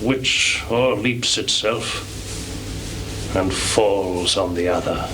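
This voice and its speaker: Recorded live in a theatre against a noisy background, a male stage actor with a lowish voice plays a tormented, guilt-ridden, ambitious murderer. His Shakespearean delivery is measured and weighty with long pauses, and his mood is brooding, as if wrestling with himself.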